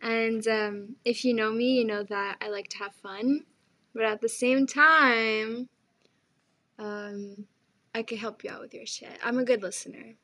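A young woman co-hosting a podcast, telling animated, profane stories in casual chat with her friend. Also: fairly high pitch, measured pace. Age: young adult. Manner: animated storytelling, swearing, laughing often. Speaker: podcast co-host.

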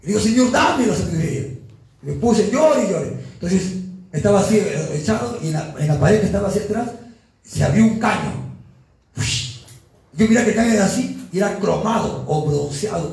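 A man's voice: high voice, creaky, darkish tone. A man preaching a sermon as pastor, telling his story with fervor. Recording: echoey church room with faint noise.

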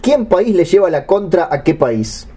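A man's voice: high-pitched, big pitch swings, a little slow, warm tone, a little hiss or hum. An Argentine man with a Rioplatense accent, co-hosting a podcast, reading out listener questions with brief, dry retorts. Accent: Rioplatense Spanish. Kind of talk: comedic podcast banter.

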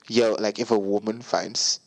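Young male podcast co-host, low and gravelly, laughing and storytelling in crude casual chat. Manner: laughing, retelling stories with put-on quotes. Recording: poor audio at start.

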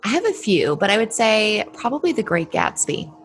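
A woman's voice: mid-range voice, very animated, normal speed. A woman from Connecticut, a guest on a casual podcast, confident and matter-of-fact with dry humor.

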